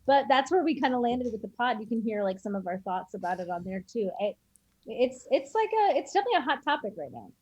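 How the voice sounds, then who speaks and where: A woman's voice: on the high side, big pitch swings, fast talker, a little mellow, husky, dry recording, low-quality recording. A woman chatting casually on a podcast, hesitant and trailing off mid-thought. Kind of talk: casual chat.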